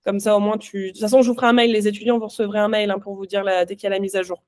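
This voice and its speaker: A woman's voice: medium pitch, flat delivery, racing, a little mellow. A woman coaching pastry exam students in a live online Q&A, chatty and reassuring.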